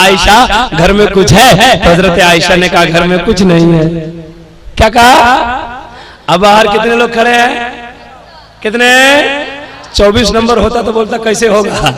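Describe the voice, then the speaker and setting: A man preaching a sermon, telling a story and urging the audience to call out louder. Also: high-pitched. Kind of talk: devotional sermon to a crowd. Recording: live event with loud crowd.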